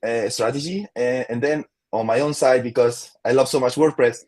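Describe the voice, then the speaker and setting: A man's voice: medium pitch, fairly even intonation, moderate pace, darkish tone. A man from Chile with a Chilean Spanish accent, a guest in a casual interview, talking with many fillers and restarts and laughing easily.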